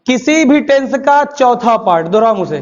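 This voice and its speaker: A man's voice: extremely high pitch, normal speed, a loud crowd. A male teacher, giving a live classroom lecture, drilling and coaxing his students and scolding them to repeat aloud. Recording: muffled classroom recording with steady noise.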